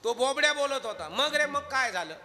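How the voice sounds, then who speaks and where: A man's voice: very high voice, expressive, brisk, bright, forceful tone. A man preaching a comic kirtan sermon, telling stories and acting out the characters, among them a lisping child voice. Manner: acts out characters, lisping child voice for young Krishna.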